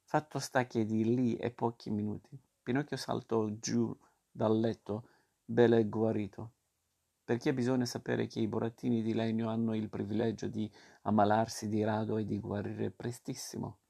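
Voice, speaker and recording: A man reading a classic children's story aloud in a measured, expressive way. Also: lowish voice, vocal fry. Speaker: narrator.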